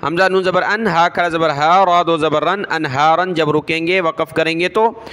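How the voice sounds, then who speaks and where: A man teaching Quran reading, spelling out letters one by one and then reciting each verse slowly and drawn out. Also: fairly high pitch, fairly even intonation, a bit bright, smooth.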